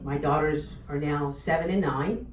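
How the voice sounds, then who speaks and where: Animated adoptive mother, storytelling delivery, roomy distant sound. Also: deep voice, moderate pace. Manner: animated storyteller, laughing as she talks. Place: book launch event room. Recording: roomy sound, mic far off.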